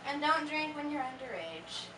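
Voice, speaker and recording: In a noisy, echoey recording taken from afar, a woman's high, sing-song voice carries at an ordinary pace. She's a convention panel performer doing a live comedy monologue, breezy and giggly as a rambling, tipsy teenage girl. A laughing audience fills the panel room.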